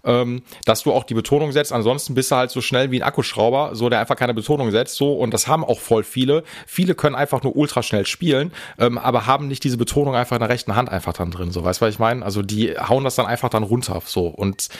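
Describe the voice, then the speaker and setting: A man hosting a relaxed chat, rambling and slangy, full of fillers and restarts. His voice sits at an ordinary middle pitch. He talks in a loose, colloquial way. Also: fast talker, few pauses. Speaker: host. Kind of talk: casual conversation.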